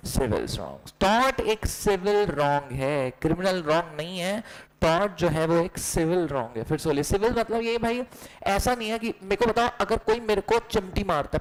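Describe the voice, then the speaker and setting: A man's voice: sits high, poor audio. An Indian male teacher giving a playful online lecture, joking and quizzing his students with repeated lines. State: recently unwell. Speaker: online exam-prep teacher. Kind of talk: energetic classroom lecture.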